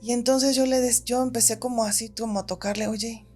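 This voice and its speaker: Guest: woman, fairly high voice, animated storyteller, faint music under her. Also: a little fast. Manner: animated, acts out quotes, shifts pitch when telling the story. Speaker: podcast guest. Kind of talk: casual storytelling.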